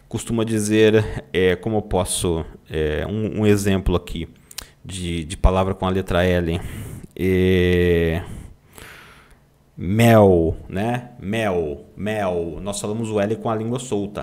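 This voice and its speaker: A Brazilian man teaching German online, who draws out German words slowly to model the pronunciation and keeps asking "tá?" to check that students follow. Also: fairly low pitch, a little mellow. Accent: Brazilian Portuguese. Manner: slow, drawn-out demonstration of German words, frequent "tá?" check-ins. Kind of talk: online language lesson.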